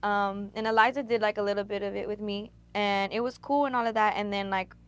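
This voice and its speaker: A woman's voice: mid-range voice, fairly even intonation, brisk, clean tone, no room sound. A young woman from Texas, a rapper, telling stories in a laid-back, slangy and profane way during a casual interview. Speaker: rapper and guest.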